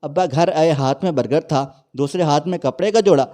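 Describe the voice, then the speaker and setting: A man narrates a dramatic moral story in an emotional, preachy way. His voice sits a little high but sounds mellow and soft.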